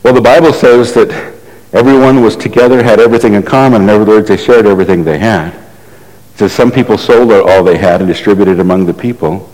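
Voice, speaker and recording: Deep-voiced preacher in an echoey hall. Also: male voice, a little fast, darkish tone. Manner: conversational storytelling, rhetorical questions to the congregation. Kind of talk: sermon.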